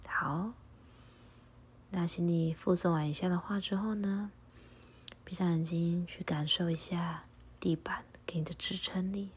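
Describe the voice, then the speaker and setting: Woman, meditation guide, low voice, very smooth, soft half-whisper, slow calm instructions. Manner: soft, breathy, often half-whispered delivery.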